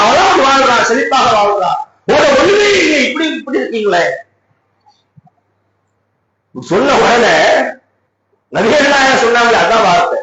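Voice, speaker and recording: Man with a Tamil Nadu accent, fervent Friday preacher, very high voice, booming reverb, dull noisy PA sound. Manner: impassioned, often shouting, tearful emphasis. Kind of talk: Friday sermon. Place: mosque hall. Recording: echoey mosque PA, dull, noisy.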